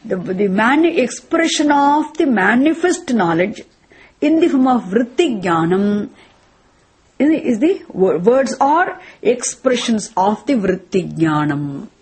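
A woman with a South Indian accent and a husky voice, teaching a philosophy lesson in a didactic way, repeating points and posing rhetorical questions. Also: a little high, sing-song, slow pace, a little mellow. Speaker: Vedanta teacher.

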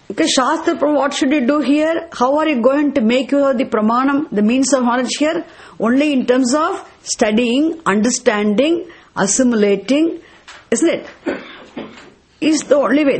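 A woman with a Tamil accent leads a scripture class. Her voice sits fairly high and swings widely in pitch, with a husky edge. She explains emphatically, repeating phrases and adding short tag questions to check understanding. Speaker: teacher of Sanskrit and Vedanta scripture. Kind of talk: teaching class, verse-by-verse explanation.

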